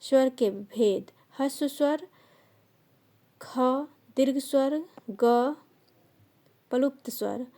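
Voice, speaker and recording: A woman teaching a grammar lesson, slowly dictating definitions and listing sounds and example words one by one. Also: high-pitched, mellow. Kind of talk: slow classroom grammar lesson.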